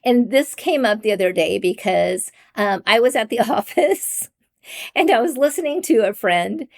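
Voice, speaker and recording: A middle-aged woman hosting her own faith-based coaching podcast, talking earnestly with frequent ums and soft laughs. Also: fairly high pitch, lively intonation, normal speed, creaky. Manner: mimics raised greeting voices. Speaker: podcast host and life coach. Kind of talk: candid solo podcast talk.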